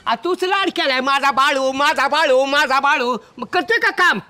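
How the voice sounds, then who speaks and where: A man's voice: very high voice, normal speed, pushed and bright, full character voice. An actor playing a grumbling, hungry old village farmer who scolds his wife. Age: older. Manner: scolding, complaining. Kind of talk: village comedy acting.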